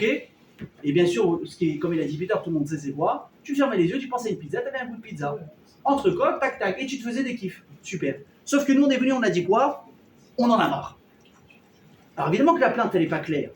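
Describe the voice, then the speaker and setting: A man teaching a lively Torah class to a live audience, acting out everyday dialogues and firing questions at his listeners. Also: very high voice. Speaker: rabbi teaching a weekly class. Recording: roomy hall, mic at a distance, faint noise.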